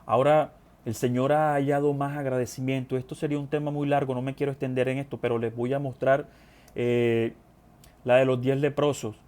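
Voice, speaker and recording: A man preaches a sermon, reading scripture, speaking earnestly, and addressing his brethren directly while repeating phrases for emphasis. His mid-range voice is darkish and level in tone, and he speaks fairly quickly.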